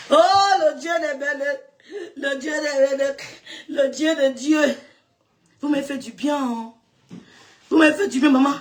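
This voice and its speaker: A woman from Cameroon delivering a heated, defiant monologue aimed at her critics, trading insults and switching between mocking laughter and shouting. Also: sits high, steady tone, measured pace, long pauses. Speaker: online content creator.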